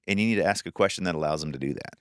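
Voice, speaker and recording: Deep-voiced man explaining sales tactics. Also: rapid-fire, clean tone, no echo, clean studio sound. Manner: explains with acted-out customer dialogue, laughs easily. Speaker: podcast co-host and sales trainer. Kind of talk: casual conversational chat.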